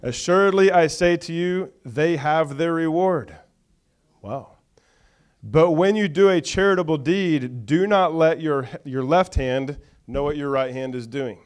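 A man's voice: fairly high pitch, measured pace, smooth. A man preaching a sermon to a church, reading scripture with call-and-response and chatty asides. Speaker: pastor.

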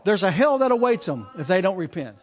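A man in his fifties preaching a sermon, driving points home with repeated lines and quick restarts. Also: sits high, sing-song. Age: 50s. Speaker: pastor.

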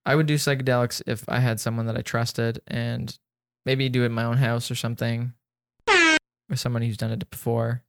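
A man hosting a casual podcast, rambling with plenty of fillers and little jokes. His voice sits at a middling pitch. The sound is dry and close, with no room around it. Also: little pitch movement, a little fast, vocal fry, no room sound. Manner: rambling, lots of "like" fillers, jokey. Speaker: podcast host. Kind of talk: casual chat.

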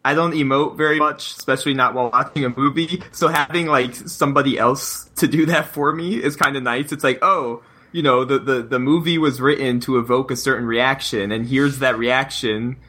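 A young man co-hosting a podcast, wry and teasing, talking in a dry, deadpan way. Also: medium pitch, normal speed, hardly any pauses. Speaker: podcast co-host. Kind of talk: casual chat.

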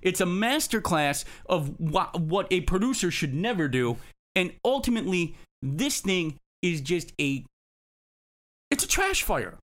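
Emphatic, high-voiced man reviewing film. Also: big pitch swings, unhurried, a bit bright. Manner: emphatic, scathing, long-winded critique. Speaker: film review show co-host. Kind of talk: opinionated film review discussion.

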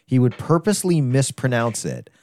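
A man co-hosting a podcast talks in a loose, rambling way. His speech stumbles over names and slides into jokes. His pitch swings widely, and the room sound is dry and close. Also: big pitch swings, normal speed, darkish tone, no room sound. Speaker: podcast co-host. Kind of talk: casual chat.

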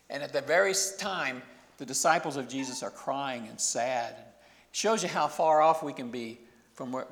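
A man's voice: medium pitch, gravelly, a bit bright. Man preaching in an echoing hall. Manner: conversational preaching with rhetorical questions and asides. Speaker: pastor. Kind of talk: sermon.

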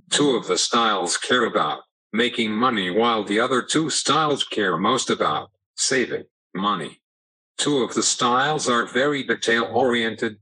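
A synthetic male computer voice giving a scripted, measured, instructional explanation as a podcast guest. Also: lowish voice, bright, forceful tone, husky, rough recording. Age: 70s. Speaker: podcast guest, sales trainer.

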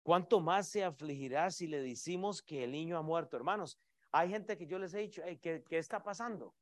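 A middle-aged man preaches from the pulpit in a high, ringing voice. His delivery is emphatic, rising and dropping sharply in loudness as he keeps calling out to his listeners as brothers. The sound is close and dry, with hardly any room around it. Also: fairly quick, no room sound. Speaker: pastor. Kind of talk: sermon.

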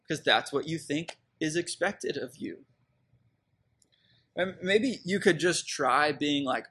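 A man's voice: a little high, a bit bright, breathy edge. A man, preaching a sermon in a conversational, reflective way with fillers and restarts. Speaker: pastor.

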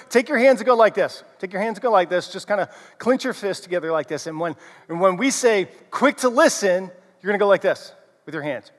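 A man preaching a sermon as pastor, leading the congregation in playful call-and-response chants. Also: sits high. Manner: energetic and playful, stretching and slowing key phrases. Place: large church hall. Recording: long reverb of a large hall.

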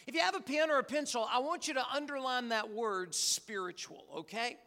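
A male pastor from the United States delivering a Sunday sermon with a very high, bright and forceful voice. He talks animatedly, stumbles over and repeats words, and keeps asking the congregation questions. His voice rings out through a church sanctuary with a long, hall-like reverb. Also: fairly quick.

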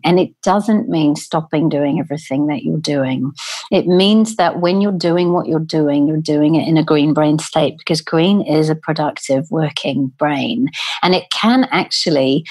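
A woman, a mother of five, calmly explaining her parenting ideas in conversation. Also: deep voice, dry recording. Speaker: parenting guest.

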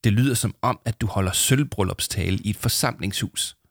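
A man reading a storybook aloud, voicing a quick, outspoken young girl. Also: fairly low pitch, vocal fry, no echo, studio quality. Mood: lively. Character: lively, blunt young girl.

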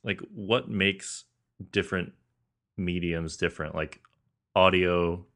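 A man hosting an interview, asking measured, thoughtful questions. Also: low-pitched, a bit bright.

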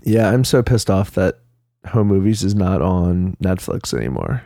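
Casting: nasal man, mellow tone, relaxed rambling chat. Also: deep voice, moderate pace, vocal fry, no room sound, clean studio sound. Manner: rambling, chatty, many fillers. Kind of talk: casual chat.

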